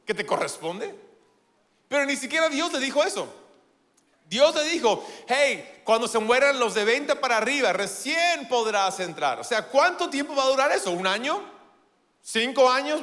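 A man preaching a sermon in an animated, playful way, with self-deprecating humor. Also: extremely high pitch, big-room sound.

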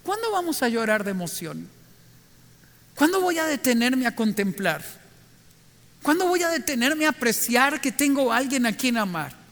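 High, bright-voiced male preacher. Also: big pitch swings, normal speed, creaky, pauses often, long reverb tail. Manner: earnest, reflective, asks the listener direct questions. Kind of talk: sermon.

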